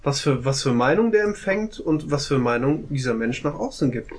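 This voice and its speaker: A man's voice: medium pitch, expressive, moderate pace, husky. A man in a casual group discussion who talks loosely, hedges often and ends his phrases with tag questions. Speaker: discussion participant.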